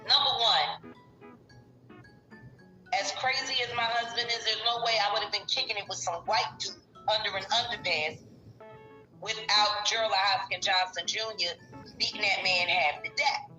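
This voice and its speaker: Forceful woman arguing bluntly in echoey room. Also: medium pitch, steady tone, moderate pace, long pauses, dull audio, soft background music. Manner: blunt, emphatic, point-by-point arguing. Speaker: interviewed guest. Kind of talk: casual chat.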